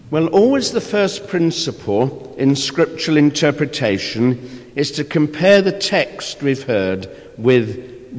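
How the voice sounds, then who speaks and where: A man preaching and reading scripture as a priest, with a measured, solemn delivery in a large echoing church. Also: mid-range voice. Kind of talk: Gospel reading and homily. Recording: long cathedral echo, reverberant church.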